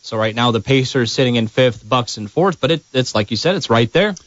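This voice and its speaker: A man co-hosting a sports radio show, agreeable and quick, reeling off standings and stats. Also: mid-range voice, expressive, fairly bright tone, dry recording, highs cut off. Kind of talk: casual sports talk.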